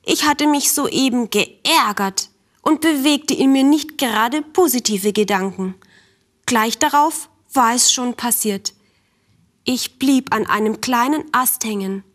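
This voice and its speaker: A woman voicing an anxious, injured male woodpecker who speaks in a higher, sighing, pleading way.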